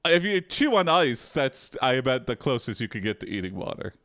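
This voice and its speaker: A man hosting an AI text adventure, commenting casually in an amused, drawn-out way with frequent laughs. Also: mid-range voice, big pitch swings, fairly bright tone, no echo, clean studio sound. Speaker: host playing an AI text adventure.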